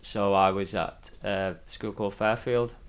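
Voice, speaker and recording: Manx guy in his 30s, mild isle of man accent, kinda low voice, hesitant podcast guest chatting away. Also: steady tone, normal speed, clean tone. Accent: fairly neutral Manx. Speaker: podcast guest, former athlete. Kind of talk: casual conversational interview.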